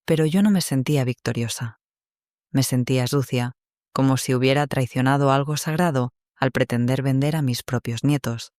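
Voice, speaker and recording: A man reading a first-person story as scripted narration, steady and measured. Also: mid-range voice, clear, resonant tone, dry recording, studio quality.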